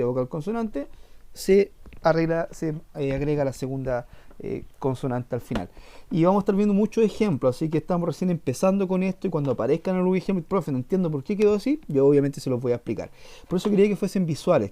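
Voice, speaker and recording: A man's voice: on the high side, warm tone. A man teaching an English class, explaining patiently and repeating himself with fillers. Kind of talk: online class lesson.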